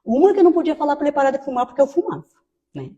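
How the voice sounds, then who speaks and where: A woman in her fifties giving a personal testimony in a conversational way, tagging many phrases with quick questions. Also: sits high, very animated, dark tone, long reverb tail, highs cut off, a little hiss or hum. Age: 50s. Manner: conversational, tag questions after most phrases. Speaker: testimony speaker.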